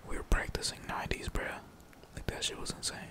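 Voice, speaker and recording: Quick and sharp-toned, a young man whispers a relaxed commentary over his gameplay as a streamer. His voice is mostly breath, with little tone behind it. He rambles on in dense slang, swearing freely.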